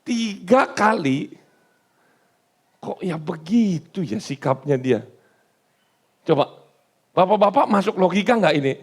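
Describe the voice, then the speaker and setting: A male pastor preaching a sermon with an Indonesian accent, telling a story with lively acted-out dialogue and jokes for the congregation. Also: sits high, takes it slowly, pauses often.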